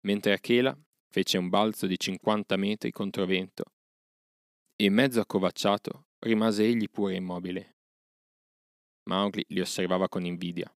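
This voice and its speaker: A man narrating a classic jungle story as an audiobook in a steady, even storytelling manner. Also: deep voice, no room sound, studio quality.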